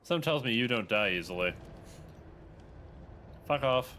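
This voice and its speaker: A man's voice: medium pitch, lively intonation, normal speed, bright, forceful tone, a little hiss or hum. A man streaming a video game, informally thinking aloud and talking to his chat. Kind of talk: casual livestream gameplay commentary, talking to chat.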